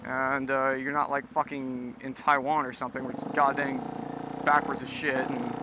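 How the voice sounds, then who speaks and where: A man's voice: medium pitch, little pitch movement, normal speed. Texan guy cussing and rambling on his bike, helmet mic, tons of wind and engine noise. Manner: rambling, profane, self-interrupting. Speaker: motovlogger. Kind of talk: casual explanatory monologue while riding. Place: on a motorcycle on a highway, outdoors. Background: motorcycle engine and road noise.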